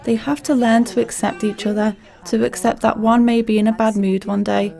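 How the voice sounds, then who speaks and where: A woman reading documentary voice-over translations in a plain, measured way. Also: a little high, fairly even intonation, vocal fry, dark tone.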